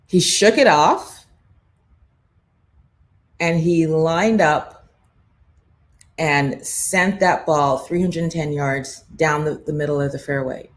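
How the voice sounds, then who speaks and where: A woman with a low voice speaks slowly and pauses often as she hosts a morning show. A brand coach, she gives an emphatic, preachy motivational live-stream talk full of faith references and quoted inner voices.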